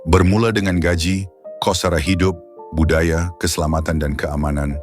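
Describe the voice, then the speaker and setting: A Malaysian man reading a scripted channel narration and outro in a formal, smooth manner. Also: sits low, fairly even intonation, moderate pace. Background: background music.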